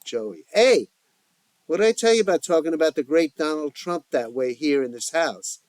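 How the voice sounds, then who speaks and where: A man doing a gruff hot-headed father. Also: mid-range voice, animated, moderate pace, no echo, lightly acted. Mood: combative. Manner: blustering, combative. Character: gruff blue-collar father, quick-tempered.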